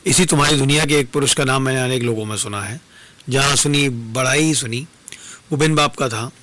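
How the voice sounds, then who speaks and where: A serene wandering stranger, played by a male storyteller speaks in measured, philosophical and consoling tones at a mid pitch. It is a formal dastangoi performance recorded in a radio studio. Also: a bit bright, natural voice.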